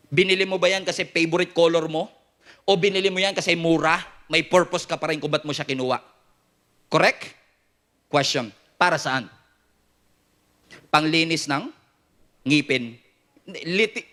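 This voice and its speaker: A male pastor with a Filipino accent, preaching a sermon in an animated, playful way. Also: sits high. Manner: animated, playful, mixes Tagalog and English.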